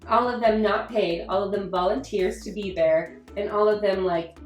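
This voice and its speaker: A woman's voice: medium pitch, fairly even intonation, normal speed. A woman hosting a casual chat in an upbeat, playful manner. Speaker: host. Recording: roomy sound from a distant mic with faint music.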